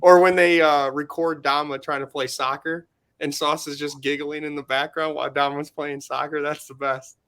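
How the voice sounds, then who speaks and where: A man's voice: fairly high pitch, little pitch movement, normal speed, fairly bright tone, clean tone. A man co-hosting a podcast, talking in a laid-back way and laughing often. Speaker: podcast co-host. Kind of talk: casual chat.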